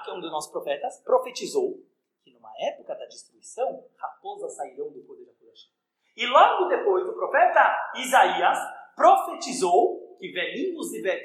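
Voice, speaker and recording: Fast, animated rabbi teaching. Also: male voice, sits high. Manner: animated, questions the listeners. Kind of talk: lively religious lesson. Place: room with a live audience. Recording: echoey room.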